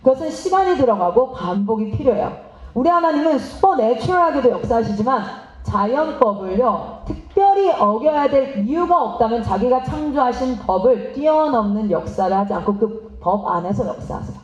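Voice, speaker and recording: A woman missionary giving a lively seminar talk, asking the audience questions and acting out parents and children. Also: fairly high pitch, normal speed. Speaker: missionary speaking at a teachers' seminar. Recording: roomy, slightly dull hall recording.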